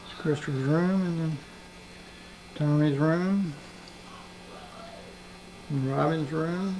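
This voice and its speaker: A man's voice: on the high side, slow pace. A man behind the camera, casually narrating a house tour on an old VHS home video, recorded indoors on the camcorder's own mic. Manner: casual, matter-of-fact commentary. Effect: old VHS home video tape. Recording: humming, hissy old camcorder tape.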